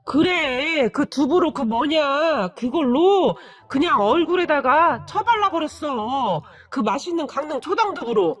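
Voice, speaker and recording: Woman reading a calm, matter-of-fact older father-in-law. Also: high voice, measured pace, hardly any pauses. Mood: offhand. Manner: offhand, unbothered.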